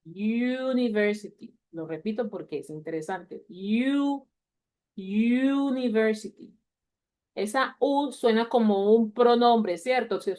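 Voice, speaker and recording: A woman teaching a class, her voice at an ordinary pitch. She explains grammar patiently, step by step. She slows down to repeat example words clearly, again and again. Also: a little mellow. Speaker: English teacher.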